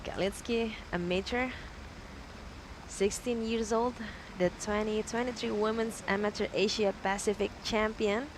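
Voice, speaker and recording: A woman's voice: mid-range voice, steady tone, measured pace, noisy background. A woman working as a golf co-commentator, giving live commentary on a tournament.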